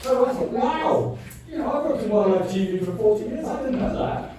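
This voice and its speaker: A man's voice: high voice, expressive, fairly quick, warm tone, slight background noise. A man in his sixties hosting his own gig, chatting between songs in a jokey, rambling, self-mocking way. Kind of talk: chatty between-song banter. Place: live music venue. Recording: echoey venue from far off, music behind.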